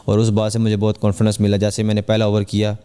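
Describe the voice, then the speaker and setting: Earnest young man with a smooth low voice. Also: monotone, warm tone. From Pakistan. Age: young adult. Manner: earnest, measured, with hesitant fillers. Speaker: cricketer guest. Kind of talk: podcast interview.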